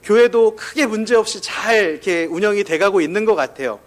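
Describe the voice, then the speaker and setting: A man's voice: high voice, fairly quick. A male pastor giving a conversational sermon, telling candid personal stories and speaking straight to the congregation. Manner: candid, confessional storytelling that addresses the congregation directly.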